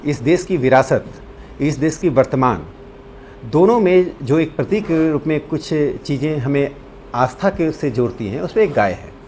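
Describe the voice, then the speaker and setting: A man's voice: fairly high pitch, expressive, normal speed, darkish tone, slight background noise. A man making emphatic, declarative statements in an interview.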